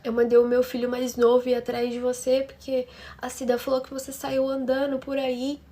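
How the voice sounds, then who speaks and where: Uma mulher brasileira que imita um marido de meia-idade explicando tudo de forma rápida e objetiva. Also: female voice, high voice, completely flat delivery, moderate pace, mellow. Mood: explaining. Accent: Brazilian Portuguese. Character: calm middle-aged husband explaining.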